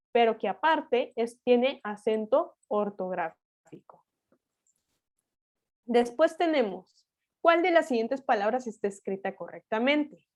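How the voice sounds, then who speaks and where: Mexican spanish woman tutor going through exam answers, kinda high voice, asks herself why and answers. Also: darkish tone. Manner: explanatory, self-correcting, rhetorical questions. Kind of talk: exam-prep grammar lesson.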